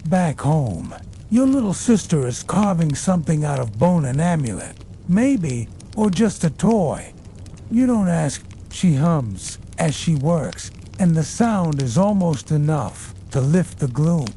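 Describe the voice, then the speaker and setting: A man reads a soothing bedtime story at a slow, unhurried pace. His voice sits a little high for a man and moves with a lively, varied melody. The delivery is measured storytelling, with a faint low rumble of noise underneath. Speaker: narrator of a bedtime history story. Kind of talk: soothing bedtime scripted narration.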